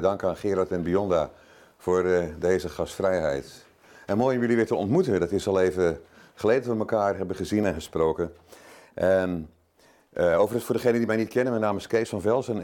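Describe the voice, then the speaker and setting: Older male guest preacher, somewhat low voice, informal and self-joking from the pulpit. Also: a little mellow. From Zeeland, Netherlands. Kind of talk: sermon.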